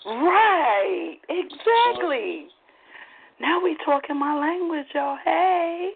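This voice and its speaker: Slow, teasing woman on a phone line. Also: sits high, expressive, creaky. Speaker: poet guest. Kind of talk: casual live radio banter. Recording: tinny phone line with faint noise.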